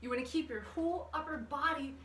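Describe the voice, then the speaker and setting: A woman whose high-pitched, slightly bright voice moves a little fast runs a children's fitness class, encouraging the kids in a conversational way and quizzing the audience as she goes. The distant camera in an indoor room with open windows gives an echoey recording with background noise.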